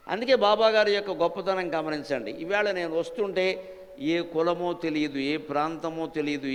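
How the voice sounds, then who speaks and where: Speaking to a live audience in a temple hall, this spiritual discourse speaker is emphatic and scornful, peppering listeners with rhetorical questions. His fairly high voice has a clean tone and a big-room sound.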